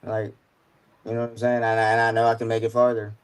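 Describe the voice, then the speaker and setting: A man's voice: on the low side, monotone, fast talker, clear, resonant tone, poor audio. A man in his mid-twenties talking about his music as a guest, rambling and slangy with lots of filler words. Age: 20s. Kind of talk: casual chat.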